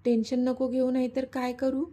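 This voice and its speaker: A woman's voice: high voice, monotone, moderate pace, dark tone. A woman voicing a playful, lovestruck young man in a storybook reading, pleading and coaxing. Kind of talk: storybook narration.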